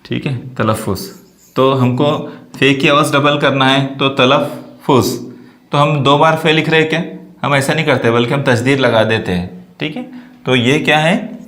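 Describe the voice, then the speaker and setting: A man's voice: mid-range voice, fairly even intonation, moderate pace, fairly bright tone. A male teacher walks through an online exam paper step by step, asking questions aloud and answering them himself. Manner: explains step by step, asks and answers his own questions. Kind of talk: screen-recorded exam walkthrough. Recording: roomy echo.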